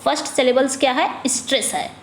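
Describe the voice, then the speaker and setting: This is a high-pitched woman with an Indian accent, teaching an exam-prep lesson. She poses questions and answers them herself, and she reads each question at a slow, deliberate pace. The room sounds echoey, with faint ambience behind her. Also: slight background noise. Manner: reads questions slowly, drops low on answers. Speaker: English exam tutor. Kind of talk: exam-prep lesson in Hindi-English mix.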